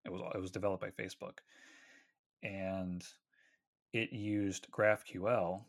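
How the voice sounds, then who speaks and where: Speaking slowly in a deep, level voice, this tech podcast co-host rambles through his explanations at length. He's casual about it and revises what he says as he goes.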